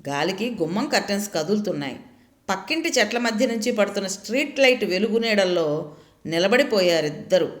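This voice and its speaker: A woman reading a family story aloud as the storyteller, in an expressive, lilting way. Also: mid-range voice, brisk. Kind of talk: scripted story narration. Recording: roomy echo.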